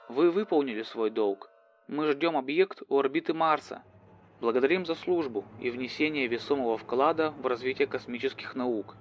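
A man's voice: medium pitch, muffled recording, close to an everyday voice. A man playing an impassive mission command official, formal and detached, in a sci-fi audio drama.

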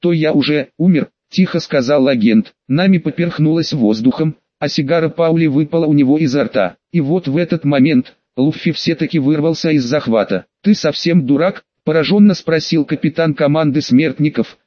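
A man reading a story aloud as an audiobook narrator, at an even pace. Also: on the high side, a little fast, few pauses, dry recording, highs cut off. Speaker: audiobook reader. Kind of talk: reading fan fiction aloud.

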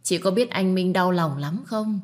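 A woman's voice: lowish voice, measured pace, voice pushed up, natural voice. A woman voicing a scheming young sister-in-law who whines and hurls accusations. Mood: accusing. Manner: whiny, accusing, loudly crying.

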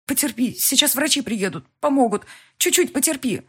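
A woman's voice: high-pitched, expressive, normal speed, voice pushed up. A woman reading an audiobook, voicing a panicked young woman who urgently pleads and tries to help.

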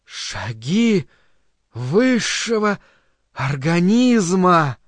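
A man voicing a deep, sonorous, otherworldly voice from above in an audiobook, drawn out slowly and solemnly, sinking toward a whisper. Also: big pitch swings, no room sound, heavily acted. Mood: hushed. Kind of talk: audiobook reading.

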